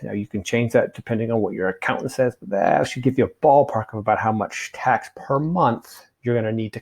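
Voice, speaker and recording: A man narrates a screen-recorded software lesson in a relaxed, conversational way, pausing with ums and uhs as he walks through each step. His voice is starting to wear from long talking. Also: lowish voice. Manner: casual, fillers, talks through on-screen steps. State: losing his voice. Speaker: course instructor.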